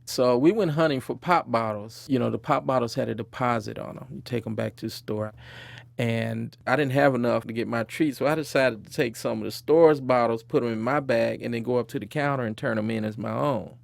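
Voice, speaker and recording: A man's voice: mid-range voice, fairly quick, gravelly. A man being interviewed, recalling his childhood in a reflective way and chuckling now and then. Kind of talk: personal storytelling interview.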